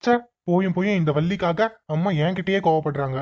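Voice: medium pitch, a little mellow, close to an everyday voice. A voice actor playing an irritable young man in a cartoon, curt and dismissive. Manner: curt, rapid.

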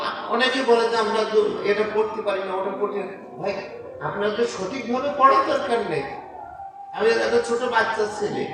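A man giving an informal sermon as an Islamic preacher, talking conversationally and putting rhetorical questions straight to his listeners. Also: high-pitched. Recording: echoey, distant mic with loud background noise.

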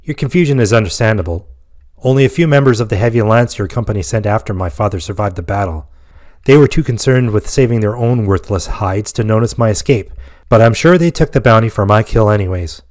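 A man voicing a coolly calm mech pilot. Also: on the low side, lightly acted. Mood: cold calm. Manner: calm, measured. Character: cool, controlled male mech pilot in his forties.

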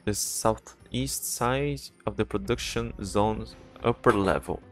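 A man's voice: fairly low pitch, takes it slowly. A man streaming a game and reading its text aloud plainly, with restarts, faint music behind.

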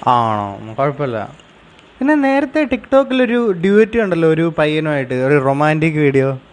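A man's voice: a little high, big pitch swings, normal speed. A young man doing a comedic one-sided phone call as a jealous, nagging boyfriend. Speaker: comedy sketch performer.

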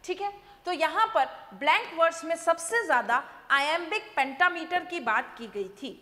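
A woman teacher walks students through a lesson at a slow, patient pace, repeating key terms and checking in often. Her voice sits high. The room rings with a long, echoing reverb. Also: lively intonation, fairly bright tone. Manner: explains slowly, repeats, checks with "ठीक है", mixes English terms. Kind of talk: exam-prep lesson on poetic meter.

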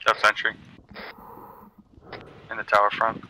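A man's voice: fairly low pitch, monotone, measured pace, sharp tone, slight background noise, low-quality recording. A man chatting casually with teammates during a co-op military shooter. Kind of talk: casual gaming chat.

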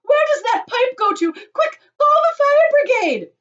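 A woman's voice: very high-pitched, sing-song, racing, sharp tone, recorded from a distance, highs cut off, pitched above the performer's own voice, full character voice. A woman voicing a hysterical, indignant middle-aged mother in a storybook reading, screeching and demanding. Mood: frantic.

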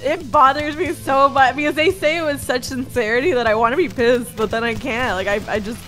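A woman chatting casually with a friend during a game stream, rambling, animated and swearing freely. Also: high voice, fairly quick, soft background music. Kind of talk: casual chat.

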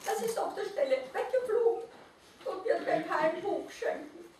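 A woman voicing a small, ugly male naked mole rat in a storybook reading, with a high, squeaky, pleading voice. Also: animated, normal speed, a little mellow, a little hiss or hum. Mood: forlorn. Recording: echoey room from far off.

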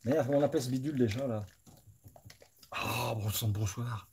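A man's voice: medium pitch, moderate pace, a little mellow, a little hiss or hum. A man hosting a live stream, chatting casually, thinking aloud and talking straight to his viewers. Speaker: host of a live scale-modeling stream.

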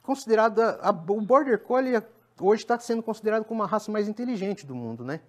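A man's voice: high-pitched, expressive, brisk. A Brazilian man, a dog trainer, explaining on a TV show with many restarts and tag questions. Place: TV studio.

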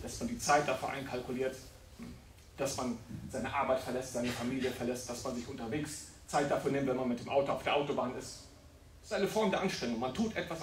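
A man's voice: mid-range voice, distant mic, slight background noise. Emphatic man preaching in an echoey hall. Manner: emphatic, rhetorical questions, explains Arabic words. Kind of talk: sermon. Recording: echoey room, voice from afar.

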